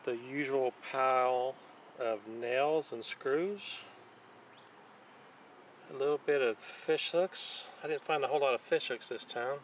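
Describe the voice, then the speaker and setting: A man hosting his own channel, calmly walking through the items he found one by one in casual show-and-tell narration, recorded outdoors on a dock. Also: mid-range voice, a little hiss or hum. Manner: plain, unhurried, listing items one by one. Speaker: channel host showing magnet fishing finds. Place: outdoors on a wooden dock by a lake.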